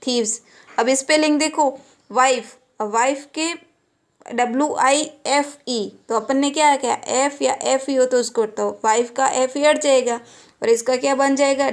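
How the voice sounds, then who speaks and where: A woman with a Rajasthani Hindi accent teaching a classroom grammar lesson, patiently asking questions and answering them herself. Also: high-pitched. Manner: patient, asks and answers her own questions. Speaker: school teacher.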